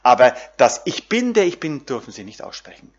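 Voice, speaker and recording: A man's voice: medium pitch, big pitch swings, brisk, lo-fi sound. A man preaching a sermon, addressing the congregation directly with frequent fillers and tag questions.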